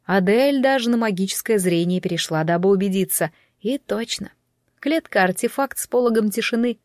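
A woman narrating a fantasy story in an expressive, lively reading. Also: medium pitch, normal speed, dry recording, studio quality. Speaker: audiobook narrator. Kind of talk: scripted narration.

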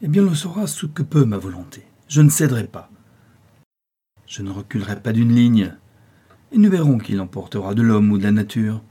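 A man voicing a furious, stubborn old professor in an audiobook, declaiming loudly and defiantly. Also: mid-range voice, monotone, normal speed, few pauses, lightly acted.

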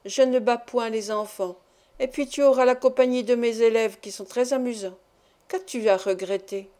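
Woman doing calm firm old showman, mellow, audiobook. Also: a little high, moderate pace, natural voice. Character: stern but gentle old travelling showman. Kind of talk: audiobook reading.

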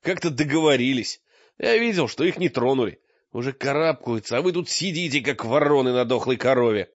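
A man voicing a gruff, brawny male warrior who barks blunt, scornful orders, recorded with a dull lo-fi sound. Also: mid-range voice, lively intonation, a little fast, dry recording, close to an everyday voice. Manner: barking, rough, commanding.

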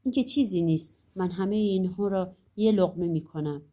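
A woman's voice: mid-range voice, mellow, natural voice. A woman voicing a man with an enormous appetite, bragging offhandedly in a storybook. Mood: offhand. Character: huge-appetite male bread eater.

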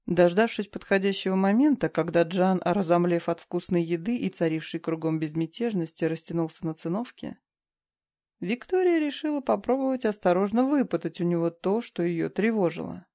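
A woman reading a novel aloud as an audiobook narrator, calm and even. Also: fairly low pitch, normal speed. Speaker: audiobook reader. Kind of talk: scripted narration.

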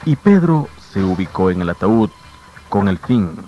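A man tells a grim tale in a measured, solemn way, as in an old radio show. His voice sits very low and moves at an unhurried pace. The recording is muffled and carries a faint hiss. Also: sing-song. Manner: measured, grave storytelling. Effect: old radio show broadcast sound. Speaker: narrator. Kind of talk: scripted dramatic radio narration.

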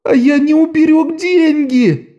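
A man's voice: a little slow, dark tone, muffled recording. A man voicing a young boy acolyte who wails and sobs through his words in an audiobook. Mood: wailing. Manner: tearful high wail.

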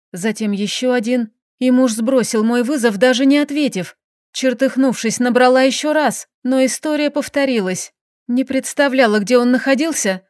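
A woman reading a first-person story aloud as an audiobook, steady and measured. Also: sits high, dry recording, clean studio sound. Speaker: audiobook narrator.

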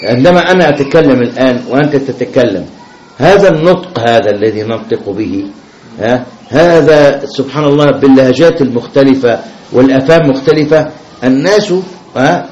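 A man's voice: mid-range voice, darkish tone. A man leads a religious lesson and keeps putting questions to his class. His voice sounds dull and carries through a roomy hall. A faint hiss runs under it. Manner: repeats questions to the class, many fillers and restarts. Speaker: sheikh teaching new Muslims.

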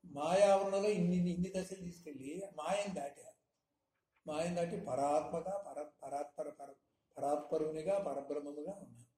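A man giving a spiritual discourse, teaching with frequent rhetorical questions in a measured, emphatic manner. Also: on the high side, fairly even intonation, warm tone. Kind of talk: satsang discourse. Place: hall in Hyderabad. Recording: echoey room, faint noise.

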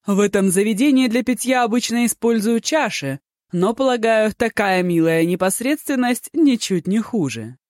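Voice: mid-range voice, lively intonation, moderate pace, a little mellow, no echo, studio quality, pitched above the performer's own voice, close to an everyday voice. A narrator voicing a flamboyant, tipsy male poet who is effusive and theatrically pleased with himself. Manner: effusive, theatrical, self-satisfied.

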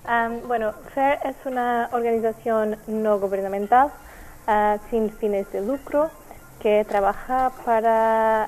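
Portuguese woman, NGO spokesperson, halting fillers, warm mellow tone, faint hiss. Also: fairly high pitch, low-quality recording. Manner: hesitant, many fillers and restarts. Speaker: NGO representative. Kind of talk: remote interview answers.

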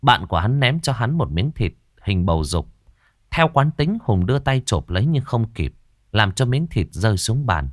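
Expressive male horror storyteller. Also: fairly low pitch, dry recording, studio quality. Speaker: narrator. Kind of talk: dramatic horror story reading.

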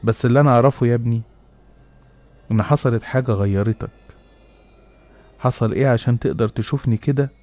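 A man's voice: mid-range voice, fairly even intonation, fast, pauses often, darkish tone, close to an everyday voice. A man voicing a motherly old woman's ghost with an Egyptian accent, speaking tenderly and calling the listener her son. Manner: tender, calls him "my son". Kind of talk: storytelling voice acting.

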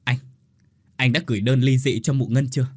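A man voicing a scheming, greedy adult woman who talks in a hurried, insistent way. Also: mid-range voice, fairly even intonation, natural voice. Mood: urgent gossip.

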